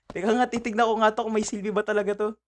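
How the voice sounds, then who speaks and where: A Filipino man with a high-sitting voice live-streams a horror game, chatting casually with his viewers. He laughs a lot and yelps whenever something startles him.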